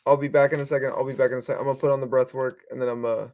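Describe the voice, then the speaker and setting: A man's voice: medium pitch, little pitch movement, rapid-fire, darkish tone. A man coaching in a casual, rambling, slangy livestream style. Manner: slangy, profane, informal. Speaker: spiritual coach and host.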